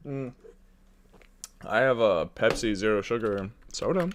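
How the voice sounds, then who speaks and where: This man's lowish voice is unhurried as he live-streams a building game, rambling playfully and chuckling often in casual chat. He sounds congested with a runny nose, and there's slight background noise.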